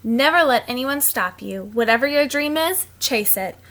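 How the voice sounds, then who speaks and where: Against a noisy background, a high-pitched woman reads picture books to children as a teacher would, at a moderate pace. She's expressive and drops in simple, casual asides to explain things to the little ones.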